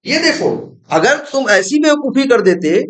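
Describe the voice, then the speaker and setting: A man's voice: very high-pitched, sing-song, unhurried, a bit bright, roomy sound. A young man teaching programming in an informal lesson, asking himself questions and answering them as he explains.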